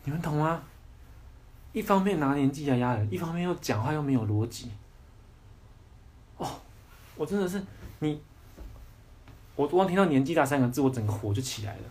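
A man's voice: fairly high pitch, animated, moderate pace, long pauses, a little mellow, slightly rough. A young man with a Taiwanese Mandarin accent hosting a casual livestream podcast, ranting bluntly and swearing freely. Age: young adult. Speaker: podcast host.

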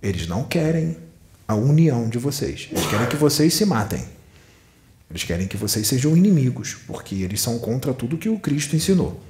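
A man's voice: mid-range voice, sing-song, a little fast, a little mellow. A man giving a channeled spiritual sermon, admonishing his listeners with rhetorical questions. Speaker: spiritual medium. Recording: echoey room.

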